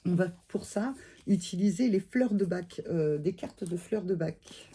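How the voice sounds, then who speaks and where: A man giving a gentle, reflective tarot reading and spiritual advice, hesitating often with filler sounds. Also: high-pitched, slight background noise. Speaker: tarot reader.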